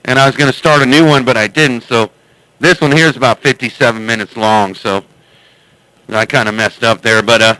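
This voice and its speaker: A man's voice: medium pitch, steady tone, fairly quick, bright, forceful tone, clean tone, no room sound, low-quality recording. A man in casual radio chat as a CB operator, rambling along in a blunt, salty way. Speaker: CB radio operator who records and uploads chats.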